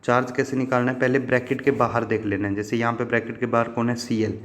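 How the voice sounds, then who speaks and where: A man's voice: medium pitch, little pitch movement, fast. A man teaching chemistry in a patient, repetitive way, asking questions and answering them himself and addressing his students fondly as children. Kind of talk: classroom lesson explanation.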